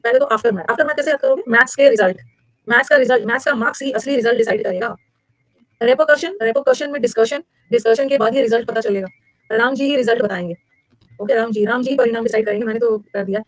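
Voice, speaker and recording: A woman teacher running a lively classroom lecture, drilling vocabulary with repetition and mnemonics. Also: quick pace, no echo. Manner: energetic, repetitive, with sudden high-pitched emphasis. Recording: dull lo-fi dry recording.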